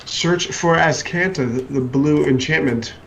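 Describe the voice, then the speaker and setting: A man reading card text aloud over a video call, plain and matter-of-fact. His voice is gravelly with plenty of fry, and a faint hiss sits behind it. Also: on the high side, measured pace, highs cut off. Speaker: co-host reading cards. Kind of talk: casual chat.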